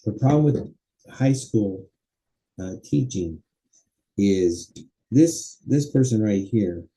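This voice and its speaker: A man teaching a college public speaking class, lecturing casually and acting out quick everyday dialogue as examples. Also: lowish voice, animated, dark tone, rough recording. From Los Angeles area. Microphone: webcam or computer mic while presenting slides.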